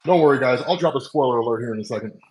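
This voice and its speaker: This man in his forties runs a comics channel and chats with viewers on a live stream while making coffee at home. His mid-range voice is very fast and a little mellow, and he talks loosely into wireless earbuds, full of fillers and laughs.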